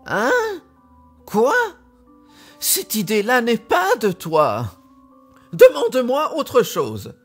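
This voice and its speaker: A man's voice: very high voice, huge pitch swings, slow pace, long pauses, husky, faint music behind, pitched above the performer's own voice, heavily acted. A man voicing a spiteful, wicked old female witch in a storybook reading, screeching and raging. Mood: indignant.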